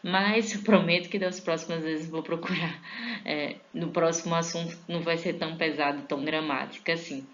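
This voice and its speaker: A woman's voice: low-pitched, steady tone, highs cut off, a little hiss or hum. A Portuguese-speaking woman teaching an online English grammar lesson, casual with her viewers and drawing out each English example word. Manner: informal, addresses viewers as a group; stretches out English example words slowly.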